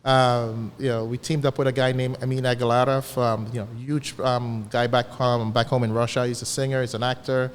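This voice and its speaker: A man's voice: medium pitch, flat delivery, brisk, hardly any pauses, clean tone, in a large hall. A man, a chef as podcast guest, telling anecdotes in a casual, rambling way with many fillers. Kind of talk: casual interview storytelling.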